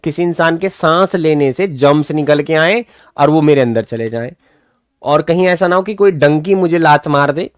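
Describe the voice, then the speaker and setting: A man's voice: a little high, no room sound. Man teaching a class, dry close sound. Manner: animated, reads English lines slowly then explains them. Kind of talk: online class explaining an English story in Hindi.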